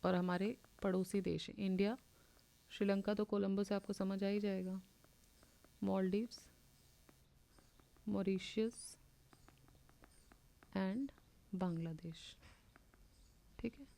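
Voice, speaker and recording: An Indian woman teaches an exam revision class on current affairs, her voice carrying a gravelly creak. She reads English passages at a measured pace, then breaks them down in Hindi and drills the key facts for her students. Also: medium pitch, steady tone, mellow. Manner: reads English text slowly, explains in Hindi; repeats key points, addresses students directly.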